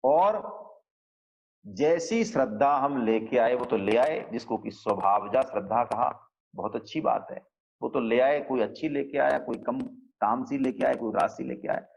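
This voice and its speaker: A man teaching a class on a spiritual scripture, explaining slowly and checking in with the listeners through rhetorical questions. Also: mid-range voice, vocal fry, a little mellow, a little hiss or hum, rough recording.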